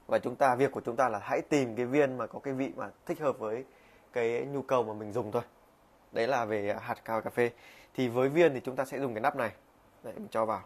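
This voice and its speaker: A man casually demonstrating a coffee maker at his desk, talking with lots of fillers and restarts. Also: medium pitch. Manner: chatty, frequent fillers and restarts. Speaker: product reviewer. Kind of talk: casual product demo vlog. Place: small room at a desk.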